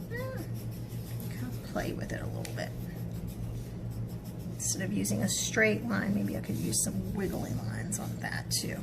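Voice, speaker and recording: Talking at a medium pitch, a woman leads children through an art project one step at a time. She keeps it chatty, thinks out loud, and tacks on small questions to check they're following, with obvious noise in the background.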